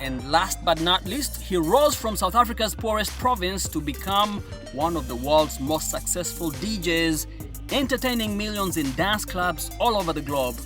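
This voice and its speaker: A male news host with a high voice reads his links in a lilting, sing-song way. Clear hip hop music plays underneath him. He keeps a smooth, scripted news pace. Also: expressive, moderate pace.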